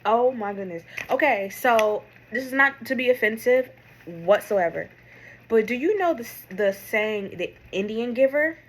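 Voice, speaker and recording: A woman's voice: fairly high pitch, lively intonation, measured pace, rough recording. A woman giving an unscripted, casual mystical tarot reading, musing aloud and following her intuition as she goes. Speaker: tarot reader.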